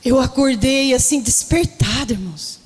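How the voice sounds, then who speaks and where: A woman's voice: high voice, normal speed, breathy edge, big-room sound, faint music behind. A woman pastor preaching a sermon, telling an emotional personal testimony and often turning to address the congregation directly. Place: church.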